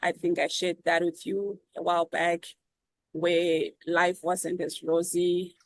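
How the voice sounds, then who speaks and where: A Zimbabwean-accented woman answering interview questions in an earnest, measured way, with many ums and repeats. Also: on the low side, level tone, no room sound, low-quality recording. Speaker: guest.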